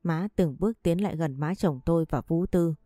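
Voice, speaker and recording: Woman narrating a story, low and mellow. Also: normal speed, no echo. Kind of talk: scripted narration of a family drama story. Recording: dry close voice with faint music behind.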